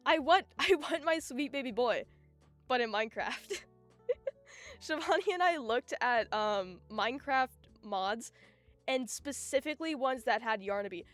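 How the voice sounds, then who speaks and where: A young woman streaming live, chatting casually in an excitable, giggly, rambling way. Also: high voice, a little slow. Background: faint music.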